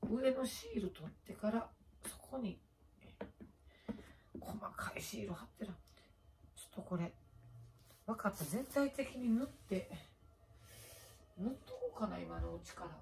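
A woman's voice: mid-range voice, expressive, normal speed, vocal fry, background noise. A middle-aged woman with a Kansai accent chatting casually late at night. She rambles through stories, mocks herself and talks while doing a face pack. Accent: Kansai Japanese. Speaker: YouTuber.

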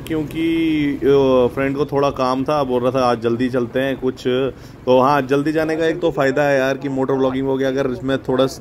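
Riding his motorbike along an outdoor road, a man vlogs casually, rambling and thinking aloud into a phone fixed to the bike. His voice is medium in pitch and darkish, with slight background noise.

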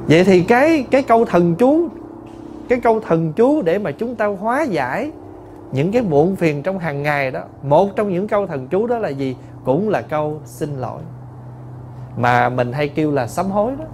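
A male Buddhist monk, giving a lively, chatty dharma talk told through stories. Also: sits high, moderate pace, a little hiss or hum.

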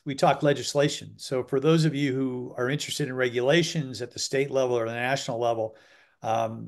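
A man hosting an online webinar over a video call, talking loosely and chattily with lots of fillers. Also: mid-range voice. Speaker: webinar host. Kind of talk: casual webinar moderating.

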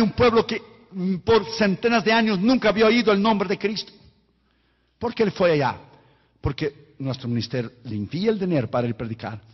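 A man's voice: sits high, husky. A man preaching a sermon as an evangelist, emphatic and repeating phrases for stress. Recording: reverberant hall, dull lo-fi sound.

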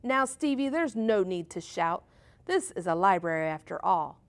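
A woman's voice: on the low side, sing-song, moderate pace. A woman voicing a cheerful, oblivious librarian in a children's storybook reading. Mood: gently scolding. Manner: bright, enthusiastic exclamations.

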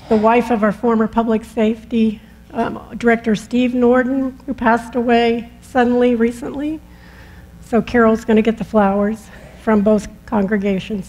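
A woman's voice: a little high, darkish tone, low-quality recording. Chatty woman giving church announcements. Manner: friendly, chatty with light laughs and fillers. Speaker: lay leader giving announcements. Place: chapel sanctuary.

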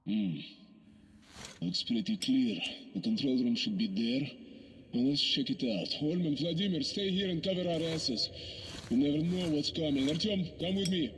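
An actor playing a commanding, terse veteran soldier leading a squad in a video game. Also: male voice, fairly high pitch, moderate pace, natural voice. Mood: focused, commanding. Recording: echoey hall, faint background noise.

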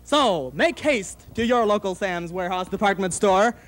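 A young man with a strikingly high voice hawks bargain furniture like a frantic local TV pitchman. He pushes hard, sometimes shouting prices and sometimes tripping over his own words in a flustered way. He speaks into a handheld mic on a 1960s studio set. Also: animated, moderate pace. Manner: hard-selling, bursts into shouts, stumbles and flusters. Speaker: TV pitchman in a sketch. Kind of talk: parody local TV furniture commercial. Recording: 1960s TV broadcast.

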